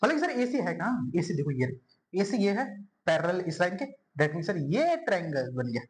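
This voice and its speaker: A man's voice: high voice, very animated, moderate pace, slight background noise. A young man teaching a board-exam math lesson at a whiteboard, chatty and friendly, calling students bhai and yaar and repeating words as he draws.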